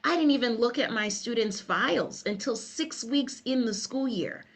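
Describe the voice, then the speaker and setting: A middle-aged woman with a Liberian English accent works as a workshop presenter, giving an earnest, conversational webinar presentation full of "you know" fillers. Her voice is fairly high-pitched and animated, at a moderate pace.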